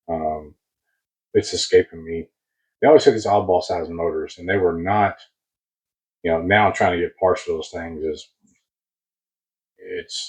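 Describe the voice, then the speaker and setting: An American man rambling casually as he hosts a hobby unboxing video, husky, on a close mic that sounds boomy and muffled, like inside a submarine. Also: darkish tone. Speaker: host of a diecast car collecting channel. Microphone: new mic placed very close.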